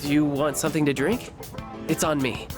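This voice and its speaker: A man's voice: fairly high pitch, fairly even intonation, normal speed, lightly acted. A man voicing an earnest, caring teenage boy, a student, in a video game. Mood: easygoing. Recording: game music behind the voice.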